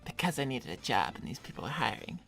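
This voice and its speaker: A man's voice: medium pitch, big pitch swings, fast, vocal fry, over loud music. A man playing a timid young male hedgehog job seeker, hedging and pleading in an improvised live cartoon roleplay. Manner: hedging, placating.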